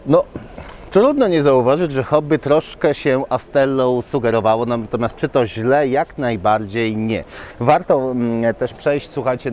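A Polish man in his thirties presents caravans at an indoor trade fair in a walkthrough, recorded on a lapel mic. His mid-range voice has a darkish tone, and he talks enthusiastically straight to viewers with lots of fillers.

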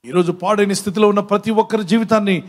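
High-voiced man preaching a sermon. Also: fairly even intonation, quick pace. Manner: storytelling, calls for congregation responses. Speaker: pastor.

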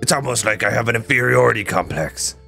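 A man's voice: medium pitch, animated, quick pace, creaky, sharp tone, soft background music. A man voicing a lonely, self-deprecating young demon woman in a sulky inner monologue, dubbing a video game. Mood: gloomy, self-pitying. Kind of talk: improvised video game dub.

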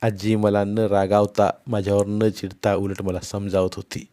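A man reading a novel aloud in the first person, expressive and voicing each character himself. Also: on the low side, measured pace. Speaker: audiobook narrator.

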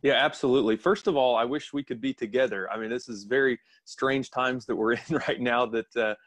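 A man's voice: mid-range voice, steady tone, brisk, fairly bright tone, no room sound. A man in his thirties, a political candidate, speaking earnestly over a laptop webcam from an office, with many fillers. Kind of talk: casual remarks over video call. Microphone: laptop webcam on a video call.

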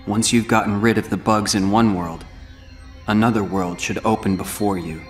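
A young man voices a brooding, self-sacrificing teenage boy warrior in a video game cutscene, keeping it grave, restrained, somber, and earnest. His voice is on the low side with a steady tone at normal speed, lightly acted over faint background music.

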